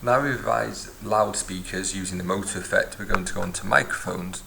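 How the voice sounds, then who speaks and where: A science teacher gives a physics lesson at a desk, filming a notebook from above as he writes. His low, gravelly voice holds a steady tone at a fairly quick pace, and he explains step by step and recaps over a noisy background.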